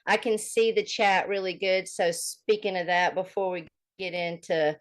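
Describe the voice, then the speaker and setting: A woman's voice: lowish voice, fairly even intonation, normal speed. Woman on a heavily compressed mic. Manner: chatty, laughs often, loud bursts. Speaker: livestream co-host. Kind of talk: casual chat. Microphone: streaming mic with compressor.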